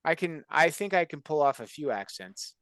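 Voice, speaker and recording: Lively, joking man on a call. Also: a little high, moderate pace, no echo. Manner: joking, rambling, self-mocking. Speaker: show creator and host of the call. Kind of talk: casual chat.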